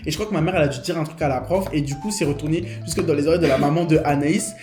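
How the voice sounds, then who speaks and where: A man's voice: on the high side, very fast, a little mellow. A young man telling a story in casual chat, acting out the dialogue with animation. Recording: roomy room with music behind.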